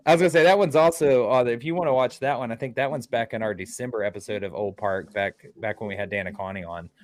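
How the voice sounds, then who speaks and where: A man's voice: medium pitch, fast, no room sound. A man, a paranormal investigator, telling a story in casual chat and acting out the quotes with energy. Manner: animated, acts out quotes. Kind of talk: casual storytelling in a remote interview.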